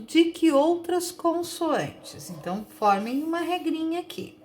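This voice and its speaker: Woman teacher, brazilian portuguese accent, high lively voice, slow and patient, sounds out words for kids. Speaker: primary school teacher. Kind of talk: recorded lesson for young children.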